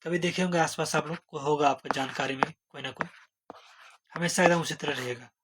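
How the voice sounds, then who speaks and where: A man's voice: on the high side, a little fast. A man teaching an exam-prep lesson, asking rhetorical questions and using playful memory tricks. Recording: noisy recording. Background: steady background noise.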